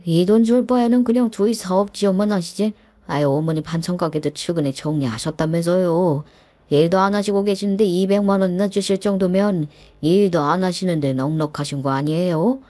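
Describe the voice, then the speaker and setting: A woman's voice: on the low side, steady tone, brisk, mellow, no echo, lightly acted. A woman voicing a pushy, business-obsessed son-in-law who talks in a whiny, coaxing way. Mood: wheedling.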